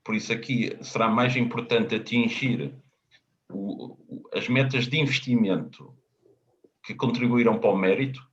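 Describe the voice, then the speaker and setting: A man with a European Portuguese accent, a consultant answering webinar questions in a halting, explanatory way, often repeating words. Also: medium pitch, steady tone. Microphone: video call. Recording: dull lo-fi webinar audio.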